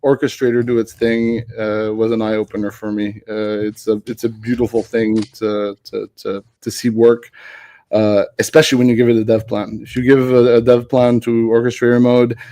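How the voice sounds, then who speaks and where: A man's voice: mid-range voice, flat delivery, warm tone. A man guesting on a casual tech chat who rambles, restarts his sentences and laughs easily. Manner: rambling, self-correcting, quick to laugh. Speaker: guest developer.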